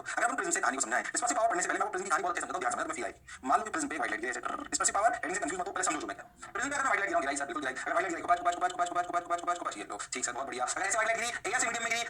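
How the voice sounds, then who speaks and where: Male physics teacher, high and very bright voice, quick classroom delivery, mic at a distance. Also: lively intonation, slight background noise. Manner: mixes Hindi and English, answers his own questions in a lowered voice. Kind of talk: lively classroom lecture.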